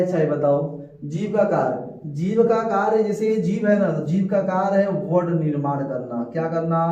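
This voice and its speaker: A man's voice: on the high side, dark tone. A man teaching a lesson, repeating key words and asking his students rhetorical questions. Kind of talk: classroom lecture with call-and-response questions. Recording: echoey, distant, dull lo-fi sound.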